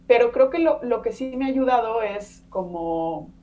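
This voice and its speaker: This podcast guest, a Mexican woman in her thirties whose first language is Spanish, is casual and chatty in a conversational interview, sprinkling in fillers and tag questions. Her slightly high voice has lively intonation at a normal speed. A distant mic leaves the recording muffled.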